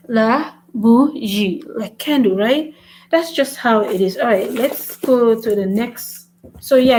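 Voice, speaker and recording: A chatty woman teaches French in a relaxed video lesson, her voice sitting a bit high for a woman. She loops back over points and keeps asking "right?", and a faint hum runs under the recording. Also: rough recording. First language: English. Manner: chatty, repeats "right?" often, writes on a board.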